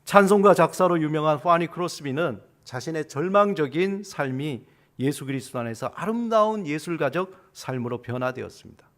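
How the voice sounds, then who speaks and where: A middle-aged male pastor delivering a sermon in a higher-than-usual voice. His pitch swings widely as he preaches. He puts questions straight to the congregation and acts out other people's words with flair. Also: a bit bright. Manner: dramatic, acting out quoted voices of others.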